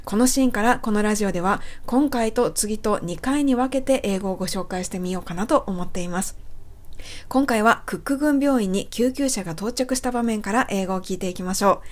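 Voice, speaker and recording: A woman's voice: mid-range voice, brisk, darkish tone. A woman hosting an English-lesson radio show, explaining phrases patiently and step by step. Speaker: English teacher and host.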